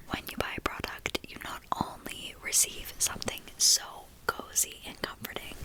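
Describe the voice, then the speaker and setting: A woman host doing a calm, casual ASMR ramble in a soft, breathy whisper, close to the microphone. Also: rough recording.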